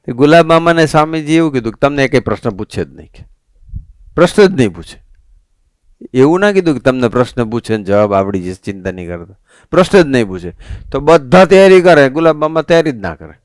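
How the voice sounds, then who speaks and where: A monk preaching a sermon to a family assembly, telling stories in an animated, conversational way. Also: male voice, medium pitch, quick pace, few pauses, smooth, dry recording, studio quality. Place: assembly hall at a resort.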